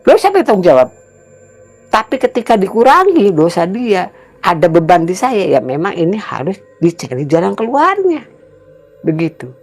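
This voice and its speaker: A man from Cirebon telling his own experience in a casual interview, earnest and emphatic, often halting and repeating words, his voice jumping up when he gets indignant. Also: sits high, huge pitch swings, faint music behind. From Cirebon, West Java, Indonesia.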